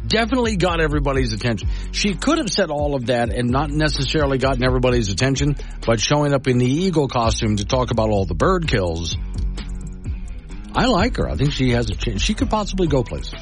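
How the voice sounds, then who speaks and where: A man hosting a talk radio show, chatting casually and reading out listener messages. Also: mid-range voice. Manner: conversational, reads listener messages aloud. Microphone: studio mic.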